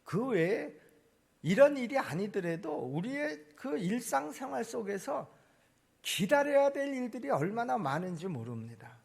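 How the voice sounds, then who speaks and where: Male pastor, high lively voice, gravelly and husky, preaching in a church with sharp swings from loud stress to hushed asides. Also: measured pace. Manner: preaching with sudden swings between loud emphasis and quiet asides. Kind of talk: sermon. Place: church sanctuary.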